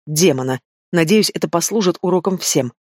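A man's voice: fairly high pitch, brisk, dry recording, clean studio sound, close to an everyday voice. A man voicing a proud, stubborn old she-wolf, a mother, in an audiobook. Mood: defiant. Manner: defiant, hissing.

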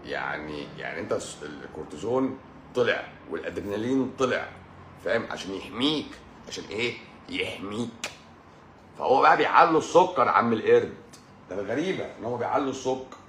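A man's voice: on the low side, animated, fast talker, a bit bright. A man with an Egyptian accent, a doctor giving an informal live-stream health talk, emphatic and repetitive and addressing the listener directly. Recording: roomy echo, faint background noise.

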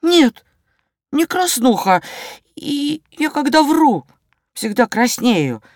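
A woman voicing an excited little boy in a storybook reading, breathless and high, words tumbling out with eagerness. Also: slow pace, no room sound, clean studio sound, exaggerated voice.

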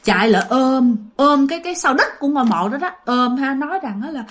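A woman's voice: sits high, lively intonation, brisk, a bit bright, a little hiss or hum. A woman telling a ghost story in a chatty way, speaking straight to her listeners. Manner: chatty, addresses listeners directly. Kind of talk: casual spoken storytelling.

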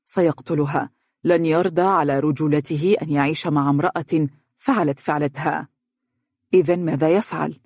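Narrator for a novel, dramatic and steady, husky voice, dry sound. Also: mid-range voice, no echo. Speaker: audiobook narrator.

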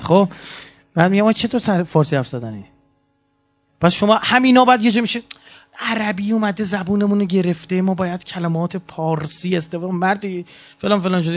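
A man giving a lecture, telling stories and acting out the quotes. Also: high-pitched. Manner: animated storytelling with acted-out quotes. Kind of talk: anecdotal lecture. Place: lecture hall. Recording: muffled lo-fi lecture recording.

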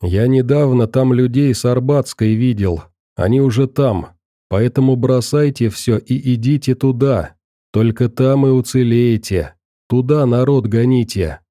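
A man's voice: mid-range voice, a little slow, dark tone, no room sound, studio quality, natural voice. A man voicing a plain-spoken, determined male survivor who urges others bluntly. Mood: urging.

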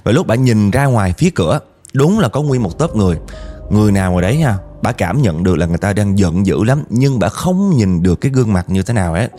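Low, mellow Southern Vietnamese storyteller. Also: male voice, expressive, fast talker, faint music behind. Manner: chatty, addresses listeners directly. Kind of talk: casual ghost-story narration.

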